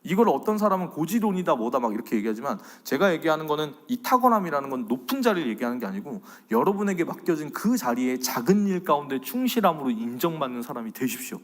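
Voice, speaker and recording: A fairly high-voiced man preaches with a lively, swinging delivery, leaning in softly and then rising loud. His voice rings with a long reverb. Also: fast, few pauses. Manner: animated, swings between loud and soft. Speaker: pastor. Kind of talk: sermon-style faith lecture.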